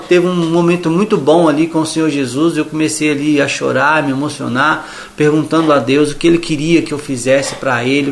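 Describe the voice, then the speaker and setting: A man with a Brazilian accent giving a chatty religious testimony, retelling conversations as he goes. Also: fairly high pitch. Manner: chatty retelling, acting out the dialogue. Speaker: evangelical believer giving testimony. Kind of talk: testimony storytelling.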